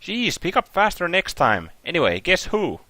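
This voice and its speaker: A man's voice: sits high, wildly swooping pitch, normal speed, sharp tone, no echo, voice pushed up, exaggerated voice. A man voicing a blunt, teasing young woman on the phone in a visual novel. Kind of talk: reading visual novel dialogue aloud.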